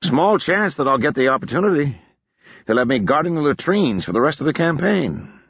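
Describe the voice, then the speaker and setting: A man voicing a lanky male soldier officer who speaks with dry, deadpan irony, in an audiobook. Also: fairly high pitch, a little fast, creaky, slightly rough, no echo, highs cut off, voice pushed up, full character voice. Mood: wry. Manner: deadpan, ironic.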